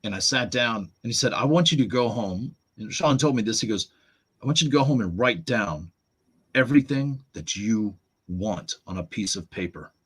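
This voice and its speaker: Brief: man, low-pitched and husky, guest telling lively stories, jumps up in pitch when quoting others. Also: moderate pace. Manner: animated storyteller, acts out quotes in raised voice. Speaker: podcast guest. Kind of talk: storytelling conversation.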